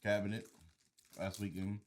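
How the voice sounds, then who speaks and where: A man's voice: fairly low pitch, little pitch movement, normal speed. A young man co-hosting a casual podcast, playful and teasing, chuckling often. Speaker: podcast co-host. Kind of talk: casual chat.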